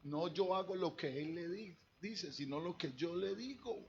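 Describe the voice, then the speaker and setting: A man's voice: high-pitched, normal speed, highs cut off, slight background noise. A man, a pastor preaching a sermon to his congregation in a conversational way, talking straight to them. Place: church.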